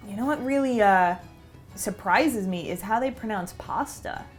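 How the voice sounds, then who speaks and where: A woman's voice: mid-range voice, measured pace, soft background music. A woman with a New York accent co-hosting a casual podcast, tossing in playful jokes. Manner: playful, joking interjections. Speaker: podcast co-host. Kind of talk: casual chat.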